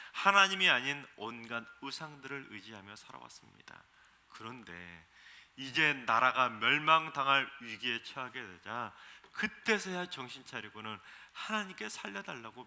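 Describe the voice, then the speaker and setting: Bright-voiced impassioned male pastor. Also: fairly high pitch. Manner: impassioned, voicing pleading prayers with swelling emphasis. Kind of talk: sermon. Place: church sanctuary.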